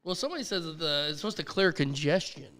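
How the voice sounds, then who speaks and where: A man's voice: on the high side, lively intonation, quick pace, fairly bright tone. A congested man co-hosting a live radio podcast, teasing his partner and reading out listener comments. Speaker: podcast co-host. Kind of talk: casual live radio banter.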